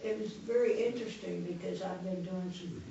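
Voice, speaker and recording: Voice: mid-range voice, fairly quick, gravelly, dark tone. A parishioner in a group discussion, asking curious follow-up questions. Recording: echoey, distant, dull, noisy.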